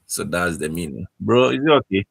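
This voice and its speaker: A man teaching a casual online language lesson, speaking haltingly and often checking in with "okay?". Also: sits low, animated, gravelly, slightly rough.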